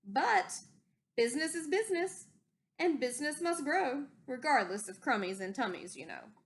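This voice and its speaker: A woman's voice: sits high, very animated, moderate pace. A woman voicing a greedy, defiant male factory owner from a storybook, insistent and boastful.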